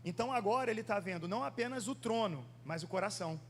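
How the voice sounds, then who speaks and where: A man from Rio de Janeiro with a Brazilian Portuguese accent, preaching a sermon in church, reading scripture slowly and then asking the congregation rhetorical questions. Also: high-pitched, expressive, a bit bright, a little hiss or hum. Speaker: pastor. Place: church sanctuary.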